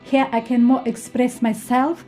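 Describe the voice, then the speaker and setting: A woman with a Ukrainian accent speaks in halting, non-native English, pausing often on ums as she answers questions on a radio show. Her voice is dark and mellow and sits a bit high, with a flat, even pitch. Faint music plays behind her. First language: not English. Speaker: guest healer.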